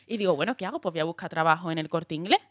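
Young woman, Andalusian accent, lively storyteller, acts out dialogue, dry close sound. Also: on the low side, very fast, husky, no room sound. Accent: Andalusian Spanish. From Andalusia, Spain. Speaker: guest actress. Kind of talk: casual chat.

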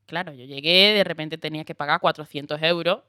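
Lively young woman telling stories. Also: low-pitched, a little fast, dry recording, studio quality. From Andalusia, Spain. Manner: lively storyteller, laughs often, acts out quotes. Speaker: guest actress. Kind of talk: casual chat.

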